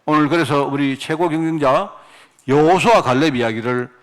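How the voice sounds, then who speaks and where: A man's voice: fairly high pitch, normal speed. A middle-aged man from Daegu with a Gyeongsang accent, preaching a sermon with emphatic rhetorical questions. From Daegu, South Korea. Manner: animated, emphatic, asks the congregation rhetorical questions. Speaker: pastor.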